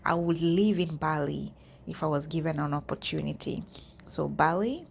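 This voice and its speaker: Woman, gravelly, lowish voice, chatty vlogger, talks straight to viewers, faint background noise. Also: moderate pace. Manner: chatty, addresses viewers directly. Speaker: YouTube vlogger. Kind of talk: casual walkthrough of job listings.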